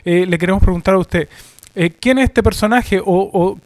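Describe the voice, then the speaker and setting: High-pitched man hosting a radio interview, halting question style. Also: darkish tone, no echo. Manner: hesitant, many fillers and restarts while framing questions. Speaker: radio show host.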